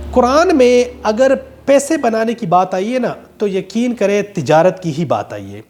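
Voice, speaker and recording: A motivational speaker with a high-pitched, slightly mellow voice addresses his viewers directly. His talk is emphatic and preachy, and he calls listeners "brother."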